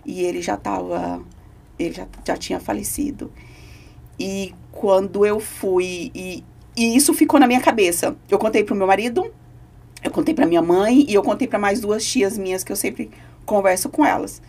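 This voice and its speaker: A woman's voice: medium pitch, moderate pace, creaky, darkish tone. A woman, a podcast guest giving an earnest, emotional personal testimony.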